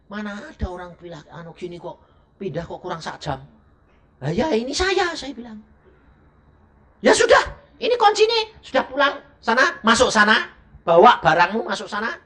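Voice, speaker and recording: Middle-aged male evangelist; raised pitch, very animated storytelling sermon. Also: moderate pace. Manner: animated, acts out dialogue with sharp pitch jumps. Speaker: evangelist preacher.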